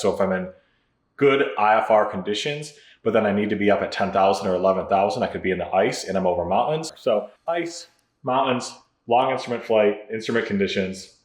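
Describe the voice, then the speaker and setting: A man's voice: fairly low pitch, a little fast. An American man narrating a casual video blog in an informal, thinking-aloud way. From Michigan, United States. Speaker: pilot video blogger. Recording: roomy echo, faint music behind.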